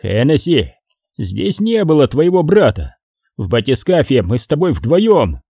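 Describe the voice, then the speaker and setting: A man voicing a shaken male submarine pilot who speaks in a forced, soothing calm in an audiobook. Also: mid-range voice, measured pace, breathy edge, no room sound, clean studio sound, full character voice.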